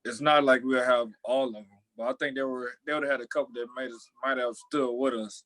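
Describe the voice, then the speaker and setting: A man's voice: medium pitch, steady tone, fairly quick, fairly bright tone, dry recording, rough recording. A young man, a former college athlete, talking thoughtfully in a panel discussion, often restarting his sentences.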